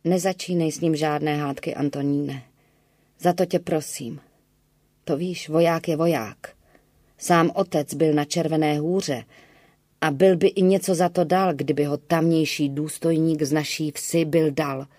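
A woman's voice: deep voice, steady tone, mellow, no room sound, clean studio sound. A woman voicing a frightened young village bride who speaks in an anxious, pleading way.

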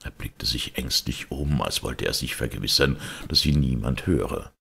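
A man reading an audiobook as narrator, in measured storytelling. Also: extremely low pitch, creaky, fairly bright tone, breathy edge. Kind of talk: scripted narration.

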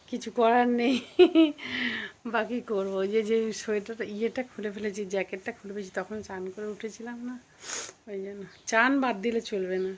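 Chatty woman cooking at home with a cold. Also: mid-range voice. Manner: chatty, rambling, many fillers and asides. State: has a cold. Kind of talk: casual cooking vlog chat. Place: home kitchen. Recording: faint background noise.

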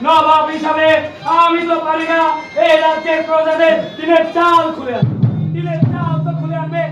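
A man's voice: very high voice, monotone, normal speed, muffled recording, crowd noise. A young man with a Bangladeshi accent playing a pompous, anguished nawab in hammy, declamatory folk theatre style. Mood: commanding, indignant. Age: young adult. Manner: hammy, declamatory stage actor with repeated cries. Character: pompous, anguished male nawab lamenting his kingdom. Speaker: student stage actor. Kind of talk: jatra folk theatre acting. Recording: echoey stage, distant mic, music, noisy audience.

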